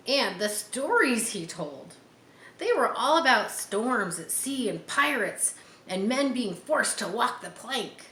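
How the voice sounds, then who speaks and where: A woman with a mid-range, fairly bright voice reads a children's chapter book, slipping in easy explanations meant for kids. The sound is echoey, as if in a large room, with faint noise behind it.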